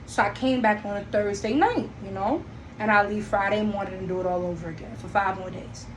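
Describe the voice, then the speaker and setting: A young woman from Trinidad hosting a solo podcast, telling her story in a blunt, animated way and swearing freely. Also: mid-range voice, brisk. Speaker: podcast host. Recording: echoey room, faint background noise.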